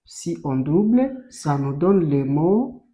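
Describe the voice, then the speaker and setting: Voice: mid-range voice, big pitch swings, slow, mellow. A French teacher giving a lesson on reading syllables, sounding them out one by one, asking learners questions and having them repeat. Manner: drills syllables and has listeners repeat; asks learners frequent questions.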